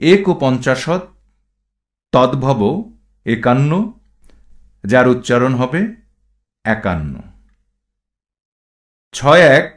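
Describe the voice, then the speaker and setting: Male pronunciation instructor, mid-pitched, deliberate and very slow, reciting rules and example words. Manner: measured, reads rules and word lists one item at a time. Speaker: pronunciation teacher.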